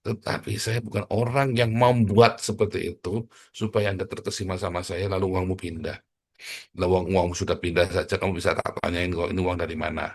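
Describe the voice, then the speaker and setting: Male preacher, middle-aged, low gravelly voice, blunt and joking, sermon. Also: fairly even intonation, fairly quick. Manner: addresses listeners as brothers and sisters. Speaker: pastor.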